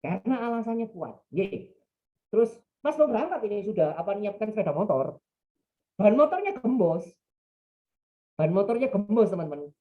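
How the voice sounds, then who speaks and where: A man's voice: high voice, sing-song, normal speed, pauses often. A man in his thirties with an East Javanese accent, giving a chatty, digressive religious talk in a webinar. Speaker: preacher. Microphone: online call mic. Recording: dull lo-fi webinar audio.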